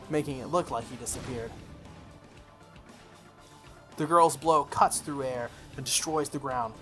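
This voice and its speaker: A playthrough host with a medium-pitched voice reads visual novel text aloud, breaking into enthusiastic, gushing asides between the narration. Game music plays in the background.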